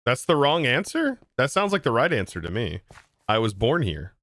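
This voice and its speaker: A man's voice: medium pitch, very animated, moderate pace, a bit bright, no echo. An American man streaming a game, chatting casually and answering his chat in disbelief. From United States. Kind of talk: casual livestream chat while gaming.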